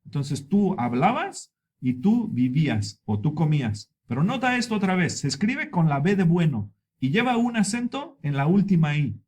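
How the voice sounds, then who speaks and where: A male teacher with a fairly high voice that swoops up and down as he explains grammar. He goes over each point patiently and repeats it for his learners. Example words come out drawn-out and deliberate. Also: sing-song, a little mellow. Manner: stretches example words out slowly. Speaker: Spanish teacher.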